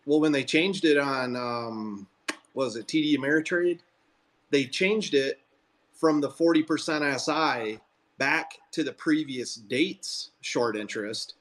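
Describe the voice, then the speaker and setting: A man's voice: mid-range voice, measured pace, fairly bright tone, a little hiss or hum. Rambling man hosting a group call. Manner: rambling, self-interrupting, opinionated. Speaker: host of a Twitter Spaces call. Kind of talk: casual group call chat.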